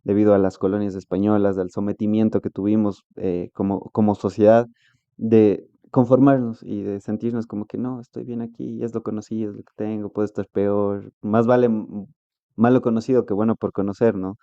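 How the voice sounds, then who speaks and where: Male interviewer, low and monotone, dark timbre, dry close sound. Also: moderate pace, no echo, highs cut off. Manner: rambling questions, frequent "ujú" backchannels. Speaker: interviewer, podcast host. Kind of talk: casual interview talk.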